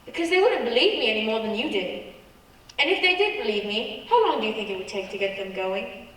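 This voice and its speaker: A woman plays a frightened, secretive foreign spy in a radio play, her delivery urgent and hushed. Her voice is a little high, animated, brisk, and fairly bright. The mic sits far off in a very echoey hall.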